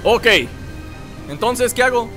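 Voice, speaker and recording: A man with a Mexican accent commenting on a video game as he plays, joking and shouting at the screen. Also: extremely high pitch, expressive, takes it slowly. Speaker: gameplay host. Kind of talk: let's play commentary. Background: game music.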